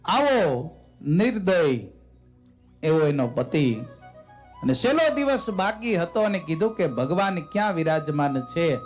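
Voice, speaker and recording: High-voiced, dramatic temple storyteller man. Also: a little slow, faint music behind. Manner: dramatic, expressive narration. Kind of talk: devotional story sermon.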